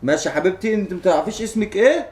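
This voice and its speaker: A man's voice: high voice, expressive, a little mellow. A middle-aged man with an Egyptian Arabic accent, playing a scolding, order-giving father in a casual family skit. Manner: bossy, scolding, quick to give orders.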